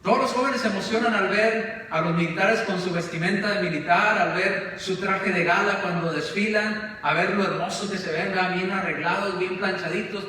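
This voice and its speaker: A man's voice: high-pitched, pushed and bright. A man preaching a sermon, telling a story animatedly and dramatically. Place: church sanctuary. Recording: echoey church hall, distant mic, faint noise.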